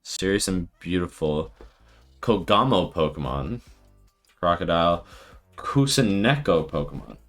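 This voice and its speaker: A man streaming live and thinking out loud with casual commentary, laughing often. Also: sits low, expressive, unhurried, long pauses, soft background music. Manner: thinking aloud, frequent laughter.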